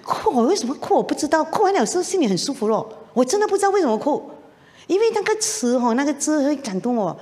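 A middle-aged woman gives her personal testimony from the front of a church, her voice sitting fairly high. She tells the story in an animated way and acts out what others said to her. A long reverb from the hall hangs on every word. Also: fast. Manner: animated storytelling with laughs and acted-out quotes.

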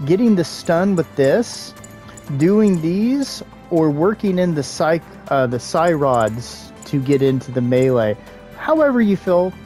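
A man hosting his gaming channel, giving relaxed, casual gameplay commentary with joking asides and the odd filler pause. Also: on the high side.

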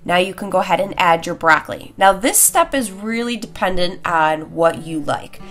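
A woman's voice: medium pitch, a bit bright. Young woman doing a casual cooking vid, playful, honking stuffy-nose voice from a cold, music behind. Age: young adult. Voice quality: congested, nasal, honking. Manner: chatty, playful. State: stuffed nose and sore throat. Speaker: cooking video host. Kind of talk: casual recipe tutorial. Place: home kitchen, indoors. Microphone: lapel mic.

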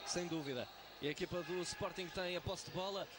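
A man with a European Portuguese accent doing live play-by-play futsal commentary, with an excitable delivery. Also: sits high, brisk. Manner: shouts excitedly on big plays. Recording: loud sports hall noise behind. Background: sports hall ambience, bouncing ball.

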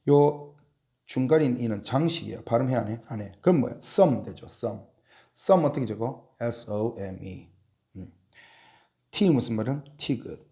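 A man's voice: mid-range voice, lively intonation, a little slow, warm tone. A man teaching English spelling in a classroom drill, spelling out letters one by one and asking and answering his own questions.

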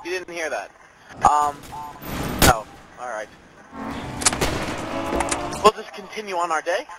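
A man chatting loudly and goofily with friends while playing a shooter game. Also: fairly high pitch, slow pace, loud music behind the voice, low-quality recording. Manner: loud, excitable, goofy. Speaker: gamer. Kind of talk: casual gaming chat. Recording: loud game gunfire behind.

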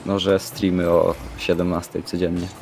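A man through a very deep disguised voice modulator. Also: little pitch movement, moderate pace, background noise. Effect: voice modulator pitching the voice very deep. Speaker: game streamer. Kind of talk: casual live-stream chat.

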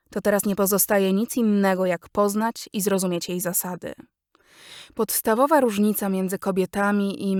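Woman narrating a business advice audiobook, measured n instructive, mid pitch, super dry recording. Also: darkish tone, dry recording.

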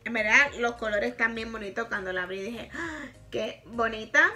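A makeup vlogger from Puerto Rico, in her thirties, gives a casual product review from a small indoor bedroom, speaking with a Puerto Rican accent, candid and quick to laugh. She talks at a normal speed in a sharp, higher-side voice.

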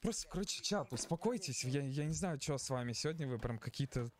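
A man's voice: medium pitch, animated, quick pace, background noise. A man streaming a game, chatting casually, swearing a lot and arguing with his chat.

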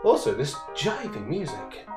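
A man's voice: fairly high pitch, huge pitch swings, measured pace, over music. A man doing casual let's-play commentary as a gaming YouTuber, hyped and playful and swearing casually. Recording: echoey room.

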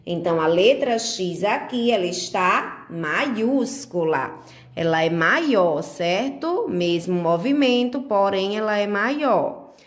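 A woman with a Brazilian Portuguese accent, teaching a remote handwriting lesson to small children, guiding each stroke slowly and patiently with diminutive words. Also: mid-range voice, lively intonation. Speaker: preschool teacher.

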